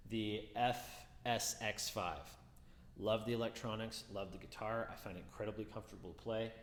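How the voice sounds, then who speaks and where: Talking at an ordinary pace, a man with a low voice gives a casual guitar review, musing as he goes and often retracing his words. A long reverb tail and faint background hum suggest a large, roomy space.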